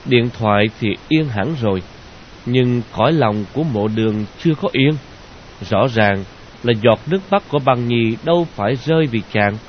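A man narrating a novel in a slow, measured way. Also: medium pitch. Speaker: audiobook narrator. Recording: dull lo-fi audio with hiss.

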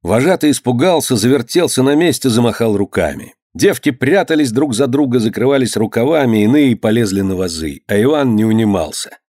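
A man reads a historical novel aloud with a lively, swinging delivery. His voice sits at a middle pitch and sounds close and dry, as in a small studio. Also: brisk, few pauses, no room sound. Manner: expressive storytelling, acts out characters. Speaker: audiobook narrator. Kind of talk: scripted narration of a historical novel.

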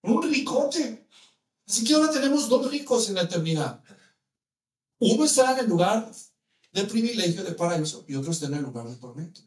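A man preaching a sermon, lively, with many rhetorical questions to his listeners. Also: high-pitched, fairly quick, echoey room.

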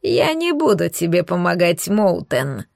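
A woman voicing an ancient magic throne that speaks in a low rumble or a hushed whisper, part mocking and part begging. the close, dry recording comes from an audiobook fantasy scene. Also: sing-song, measured pace, gravelly, no room sound, full character voice. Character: ancient talking throne artifact, mocking yet pleading.

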